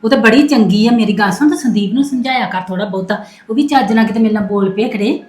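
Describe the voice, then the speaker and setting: A woman's voice: mid-range voice, fast, warm tone, reverberant, lightly acted. A woman playing a complaining middle-aged mother who grumbles to her son about her daughter-in-law. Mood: grumbling. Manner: grumbling and self-pitying.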